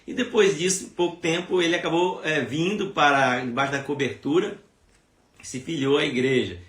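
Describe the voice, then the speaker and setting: A man's voice: on the high side, normal speed, fairly bright tone. A man with a Brazilian accent, a pastor hosting a church live stream in casual chat, rambling with many fillers and restarts. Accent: Brazilian Portuguese.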